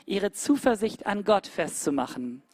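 Eine Frau hält eine emphatische Predigt und senkt dabei oft abrupt Tonhöhe und Lautstärke. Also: female voice, sing-song, unhurried, darkish tone, no room sound, studio quality. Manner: emphatic, with sudden drops in pitch and volume. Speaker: preacher. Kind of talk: sermon.

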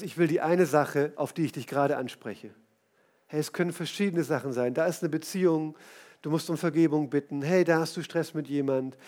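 A man's voice: a little high, darkish tone. A male preacher giving a casual, enthusiastic sermon full of storytelling, talking straight to his listeners.

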